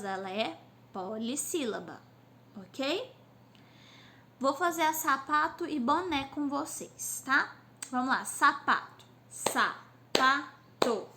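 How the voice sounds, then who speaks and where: A woman teacher gives a recorded class lesson to children, sounding out words slowly syllable by syllable, recorded on a phone on a stand. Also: sits high, bright, forceful tone, a little hiss or hum. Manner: slow syllable-by-syllable drilling.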